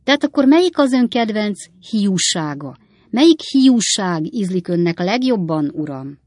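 A woman's voice: mid-range voice, sing-song, darkish tone, no room sound, pitched above the performer's own voice. Storybook: woman plays a sly young male servant, mock-innocent teasing, dry close sound. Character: cheeky quick-witted young male servant.

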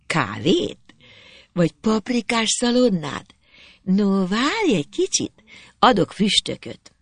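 A reader voicing a lively, teasing peasant girl who coaxes and chides in a bright, cheerful way. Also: mid-range voice, dry recording, pitched above the performer's own voice. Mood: coaxing teasing.

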